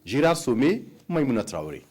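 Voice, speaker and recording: A man anchoring an evening TV news bulletin, reading in a measured, formal way. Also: medium pitch, big pitch swings, a little mellow, breathy edge. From Burkina Faso.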